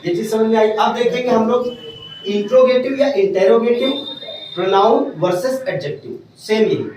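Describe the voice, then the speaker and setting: A man's voice: high voice, normal speed, darkish tone, a little hiss or hum. Guy teaching grammar to a class, keeps asking if they got it, voice far off and super echoey. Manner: keeps checking if students understood.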